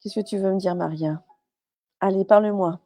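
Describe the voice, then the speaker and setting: A woman's voice: mid-range voice, steady tone, moderate pace, dark tone, no room sound. A woman medium on a live stream, chatty and hesitant, with many fillers and restarts, relaying messages as quoted speech.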